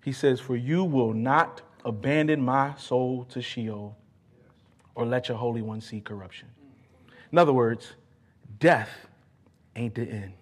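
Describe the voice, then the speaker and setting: A man preaching a sermon, fervent and emphatic, repeating key phrases for weight and moving between quieter earnest asides and raised declarations. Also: medium pitch, a little slow, long pauses. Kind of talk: sermon with scripture exposition.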